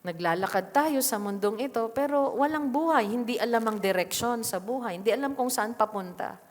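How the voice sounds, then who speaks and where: A Filipino woman pastor preaches with a fairly high voice. She mixes English phrases into her Tagalog and keeps checking in with the congregation. Her voice carries a long hall reverb. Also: fairly quick. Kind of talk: sermon. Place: church.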